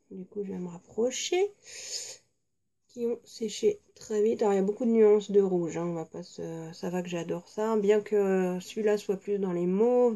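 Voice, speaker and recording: Woman, beauty vlogger, casual chat, frank, mellow tone. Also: medium pitch. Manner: chatty, frank, many fillers.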